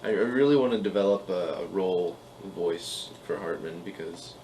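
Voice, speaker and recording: A man playing in a tabletop game for the first time, eager and quick to react. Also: low voice, heavy background noise. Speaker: player. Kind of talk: casual chat at a tabletop game.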